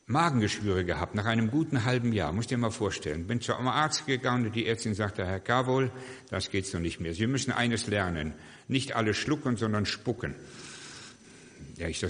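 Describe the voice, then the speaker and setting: Older pastor preaching in a reverberant hall. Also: male voice, lowish voice, fairly bright tone. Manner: storytelling, acting out quoted voices. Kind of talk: sermon.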